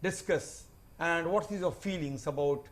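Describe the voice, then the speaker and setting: A man's voice: a little high, unhurried. A man hosting a TV studio panel, formal and hesitant with frequent fillers. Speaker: TV host.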